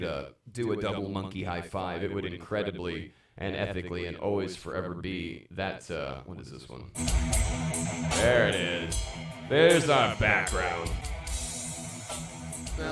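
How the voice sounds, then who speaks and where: Rambling excitable man hosting a live stream. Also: low-pitched, moderate pace, over loud music. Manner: excitable, rambling, jumps between stories and gear talk.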